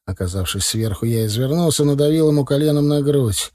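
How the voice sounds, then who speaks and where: A male audiobook narrator reading a novel in a measured, even way. His voice sits in the middle range, and the recording is dry with no room sound. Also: mid-range voice, no echo.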